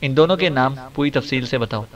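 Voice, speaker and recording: A ruthless male spy major, growling and clipped, as a man reads him out. He sits at a middle pitch and gives his questions like orders. This is an audiobook thriller reading. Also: a little fast, a bit bright, recorded from a distance, lightly acted. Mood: menacing.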